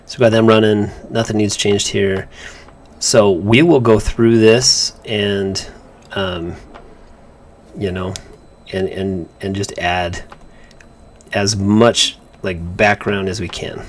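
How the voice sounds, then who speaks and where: A man's voice: fairly low pitch, fairly even intonation, slow pace, a little hiss or hum. Rambling man sketching on a live stream. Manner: rambling, repeats words and restarts often. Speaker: comic artist co-host. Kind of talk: casual chat while drawing on a livestream.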